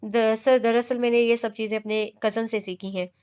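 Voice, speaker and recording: A woman's voice: on the high side, steady tone, moderate pace, a little mellow, clear, resonant tone, close to an everyday voice. A woman reading a proud, hot-tempered young heroine. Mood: indignant.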